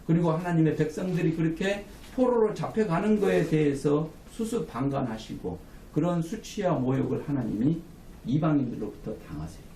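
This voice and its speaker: A man's voice: a little high, expressive, normal speed, warm tone, distant mic, slight background noise. A man preaching a sermon as pastor, with emphatic calls for amen, recorded from afar in a small room. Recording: echoey room, mic from afar.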